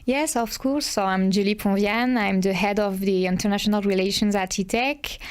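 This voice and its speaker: Woman, smooth voice. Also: medium pitch, fairly even intonation, normal speed. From France. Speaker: head of international relations at a school. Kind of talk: live online info session.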